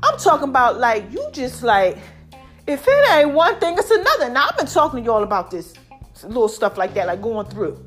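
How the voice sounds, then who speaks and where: Soft music plays under a fairly quick, very animated woman whose voice is on the high side and a bit bright. She's an American in her forties acting as a motivational host for her online audience, pitching her own fitness line in a casual, emphatic direct-to-viewer monologue. Catchphrases and frequent check-ins recur, and her voice sounds slightly affected by allergies.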